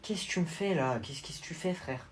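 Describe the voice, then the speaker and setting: A man's voice: mid-range voice, moderate pace, a little hiss or hum, voice pushed down, close to an everyday voice, rough recording. A man playing a cocky teenage guy who mocks and brags about fighting, in a comedy sketch. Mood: mocking. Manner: mocking, boastful, deadpan. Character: cocky teen boy bragging about fighting.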